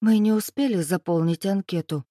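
A woman's voice: mid-range voice, normal speed, mellow, no echo, studio quality, lightly acted. Woman voicing a nervous, flustered club manager. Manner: nervous, mumbling.

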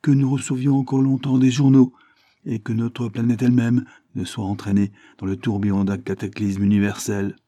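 A man's voice: mid-range voice, flat delivery, normal speed, warm tone, no echo, studio quality, pitched above the performer's own voice, lightly acted. A man reading a story aloud, voicing a retired harbor captain in a raised, urgent, declamatory tone. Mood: grandiloquent.

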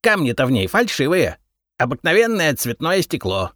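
A man's voice: a little high, sing-song, moderate pace, a bit bright, no echo, studio quality, voice pushed up. A man voicing a brash, smug male treasure-finder who argues defiantly and raises his voice, in an audiobook. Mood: defiant, cocky. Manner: defiant, argumentative. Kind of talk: audiobook character reading.

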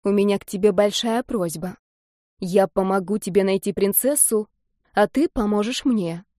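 A woman's voice: medium pitch, moderate pace, dark tone, no echo, clean studio sound, natural voice. A woman reading an audiobook, voicing a wounded, frightened but determined young woman who speaks urgently and pleadingly. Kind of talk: audiobook character voice.

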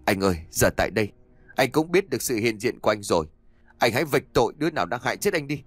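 A man's voice: medium pitch, very animated, dry recording. Man voicing a snarling vengeful young captor. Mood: intent. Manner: harsh, snarling, rapid insults.

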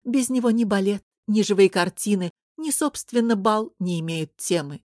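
A woman reading an audiobook who voices a plump, fussy male court tailor, excitable and quick to take offence. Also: mid-range voice, no echo, studio quality, natural voice. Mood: indignant. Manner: excitable, indignant, flustered. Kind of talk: audiobook character voice.

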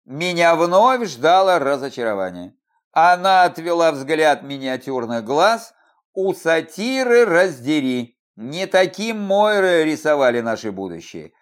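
A man narrating a fantasy story in first person, expressive and wry. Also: fairly high pitch, measured pace. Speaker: audiobook narrator.

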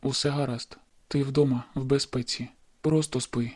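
A woman voicing a gentle young male vampire who speaks softly and soothingly in an audiobook. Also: a bass voice, steady tone, normal speed, husky, pitched below the performer's own voice. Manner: soft, hushed and soothing.

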